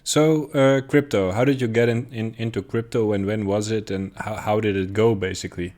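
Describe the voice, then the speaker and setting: A man's voice: lowish voice, steady tone, moderate pace, darkish tone. A man hosting a casual interview, asking questions with lots of hesitations and fillers. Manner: hesitant, many fillers and restarts, laughs along. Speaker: host.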